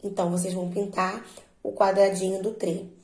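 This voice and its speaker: A woman teacher slowly and patiently walking her students through a worksheet, drawing out words to stress their syllables. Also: medium pitch, little pitch movement, a little mellow, reverberant, low-quality recording. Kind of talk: remote lesson walking students through exercises.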